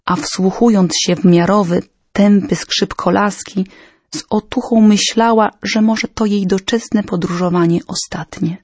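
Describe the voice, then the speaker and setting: A woman reading a historical story aloud in a measured, solemn, dramatic manner. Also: medium pitch, fairly even intonation, darkish tone, breathy edge, no room sound. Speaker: narrator. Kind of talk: storybook narration.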